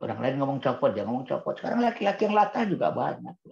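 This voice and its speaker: A man in the middle of an Islamic parenting lesson, speaking at a middle pitch. He drives his point home by asking questions and answering them himself, and by repeating words. The recording is roomy and a little dull. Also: big pitch swings, fast talker, creaky, a little mellow. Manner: rhetorical questions answered aloud; repeats key words for emphasis. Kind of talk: book-review talk to parents.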